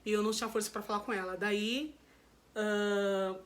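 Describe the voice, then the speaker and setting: This Brazilian Portuguese-accented vlogger speaks at normal speed in a steady, mid-range voice, with a little background noise. Emotional and open, she recounts something personal, saying things more than once and calling her viewers "gente".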